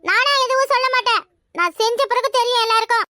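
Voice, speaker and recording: Woman doing shrill brash village woman Thangamayil. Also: fast, no room sound, clean studio sound. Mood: defiant. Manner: loud, boastful, argumentative. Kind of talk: cartoon voice acting.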